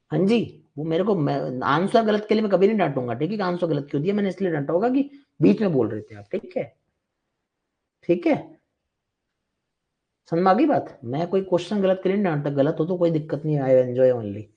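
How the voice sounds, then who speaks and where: A man's voice: sits high, big pitch swings, brisk, pauses often, warm tone, highs cut off. A man teaching a live online maths class, chatty and reassuring but firm with students who interrupt.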